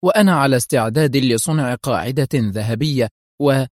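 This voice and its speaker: A man voicing a cunning, scheming woman villain who puts on sweetness and turns sharp. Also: mid-range voice, normal speed, no echo, clean studio sound, natural voice. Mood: scheming, tense. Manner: feigned sweetness turning sharp.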